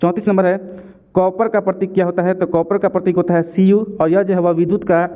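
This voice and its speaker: Quick and level in tone, a high-voiced man narrates a chemistry exam-prep lesson in question-and-answer form. He teaches didactically, going back over key points as reminders, over a tinny, narrow, phone-style recording.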